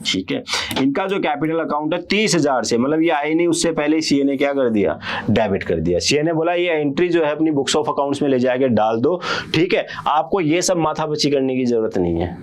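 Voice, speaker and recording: A man's voice: a little high, lively intonation, moderate pace. A young male teacher explains an accounting idea through a playful story, giving each character a short quoted voice. His talk is easygoing and chatty, and he keeps checking that his students follow along. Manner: acts out partners' quarrels with a CA in quoted voices; checks in often with repeated questions. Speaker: commerce teacher. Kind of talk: casual Hindi lecture with playful storytelling.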